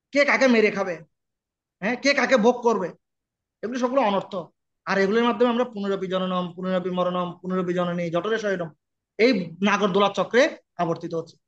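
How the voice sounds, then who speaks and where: A man's voice: high-pitched, a bit bright, highs cut off. A man giving a devotional sermon, asking his listeners questions and chanting Sanskrit verses. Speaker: preacher.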